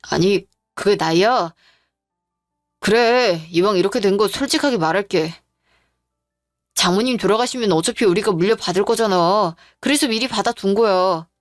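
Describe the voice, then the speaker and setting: A woman's voice: medium pitch, moderate pace, no echo, clean studio sound, soft background music, lightly acted. A woman voicing an evasive young husband in an audio drama, brushing off blame in a defensive tone.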